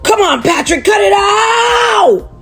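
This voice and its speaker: A woman voicing a boy who yells frantically at his big brother. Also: very high-pitched, lively intonation, slow pace, soft background music, voice pushed up, heavily acted. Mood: yelling. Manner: shrieking, frantic.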